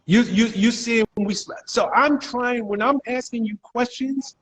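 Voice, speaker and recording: Direct high-voiced male talk show host. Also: a bit bright, slight background noise, rough recording. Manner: probing and direct, halting restarts. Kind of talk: live talk show questioning.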